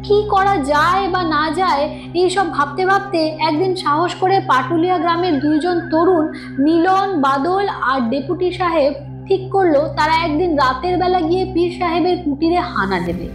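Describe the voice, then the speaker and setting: A woman narrates a scripted horror story with dramatic, suspenseful delivery, her voice very high and unhurried. The studio recording echoes, with background music running underneath.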